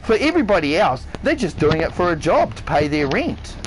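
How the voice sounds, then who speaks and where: A man's voice: on the high side, sing-song, brisk, a little hiss or hum, rough recording. A man who works as a chef, ranting on a live stream in a blunt, heavily profane, emphatic way. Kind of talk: ranting livestream monologue. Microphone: console headset or stream mic.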